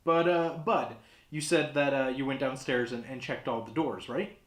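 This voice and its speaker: A man's voice: medium pitch, normal speed. A man presenting as a casual horror host, with a hesitant, rambling, awkwardly comic delivery. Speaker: horror host of a holiday movie show. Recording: roomy, echoey sound.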